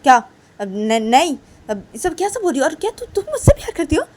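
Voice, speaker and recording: A woman voicing an angry, jealous female teacher who scolds and threatens loudly, while telling a story. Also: on the high side, animated, fairly quick, background noise, close to an everyday voice. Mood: startled. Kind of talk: storytelling role-play.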